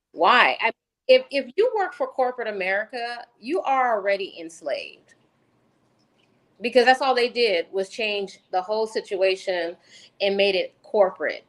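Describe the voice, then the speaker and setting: A woman co-hosting a casual talk show at a middle pitch. She speaks emphatically and repeats her points for weight. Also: poor audio. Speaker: podcast co-host. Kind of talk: casual chat.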